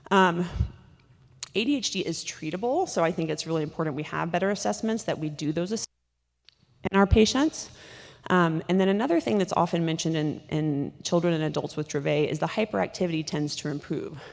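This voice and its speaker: A woman doctor gives a conference talk, rushing through her points with frequent fillers and restarts. Her voice sits low and has a gravelly edge. The sound carries a long reverb from a big hall. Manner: rapid, with many fillers and restarts. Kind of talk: conference lecture.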